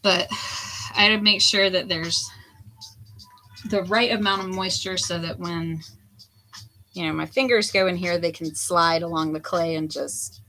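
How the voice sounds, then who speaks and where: A hoarse woman in her forties, a potter chatting candidly while she throws clay at the wheel. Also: on the low side, steady tone, measured pace, pauses often, pushed and bright, soft background music. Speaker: potter streaming a throwing session. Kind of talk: casual chat while working. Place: pottery studio with lo-fi music on.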